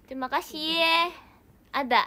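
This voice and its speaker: A young woman with a high, slightly slow voice hosts a casual livestream from her phone in an indoor room, with crowd noise in the background. Bubbly and giggly, this idol livestreamer chats, reads fan comments, and thanks her fans.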